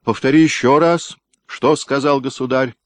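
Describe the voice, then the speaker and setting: A man's voice: medium pitch, steady tone, moderate pace, dry recording, pitched above the performer's own voice, close to an everyday voice. A man voicing Nikita, an older boyar father who exclaims with tearful joy, in a storybook reading. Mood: emotional.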